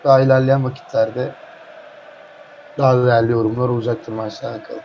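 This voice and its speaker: A man's voice: medium pitch, little pitch movement, fairly quick, vocal fry, highs cut off, a little hiss or hum. A man commentating as the analyst beside the caller, speaking casually with hesitant fillers. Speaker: color commentator. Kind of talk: match analysis.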